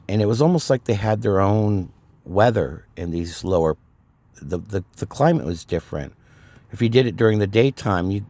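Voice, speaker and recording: Middle-aged man from California, slightly low voice; loose, rambling storyteller who restarts his sentences. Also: a little mellow. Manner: rambling, frequent fillers and restarts, laughs at himself. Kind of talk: casual personal storytelling.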